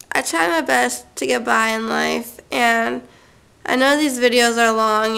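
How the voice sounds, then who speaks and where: A young woman vlogs straight to her camera mic in a rambling, casual monologue, chatty and wandering off on tangents with plenty of fillers. Her fairly high voice is gravelly yet smooth, with a pushed, bright quality.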